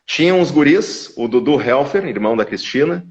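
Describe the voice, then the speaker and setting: An expressive man with a mid-range voice, visiting from a language school, gives lengthy explanations in a laid-back live-stream conversation at normal speed. He keeps restarting with repeated words, and the audio sounds dull and lo-fi.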